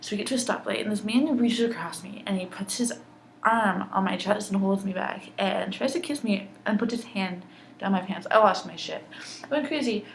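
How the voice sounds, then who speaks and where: A woman's voice: medium pitch, moderate pace, vocal fry, rough recording. Young woman, angry personal vlog rant, mid-range voice, slight background noise. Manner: angry, intense, heavy swearing. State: upset.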